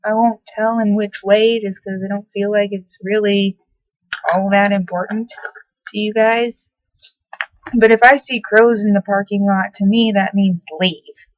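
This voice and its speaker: A woman's voice: mid-range voice, level tone, measured pace, no room sound. Young woman, casual beauty vlog, rambling and cursing, muffled laptop mic, dry close sound. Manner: rambling, swears casually, many "like"s. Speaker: beauty vlogger. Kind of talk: casual makeup tutorial chat. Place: her bedroom. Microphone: laptop built-in mic.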